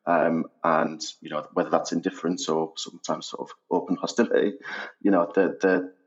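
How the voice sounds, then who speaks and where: A man around forty with a Sunderland twang speaks in a very low voice. He talks reflectively, as a guest in conversation, and the audio is a little dull and lo-fi. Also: level tone, normal speed. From Sunderland, North East England. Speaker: podcast guest, housing operations head. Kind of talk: conversational interview answers.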